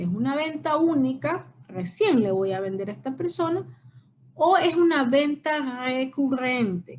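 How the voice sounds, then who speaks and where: Woman teaching, high voice. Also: a little hiss or hum. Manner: explanatory, frequent checking questions. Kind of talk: recorded online lecture.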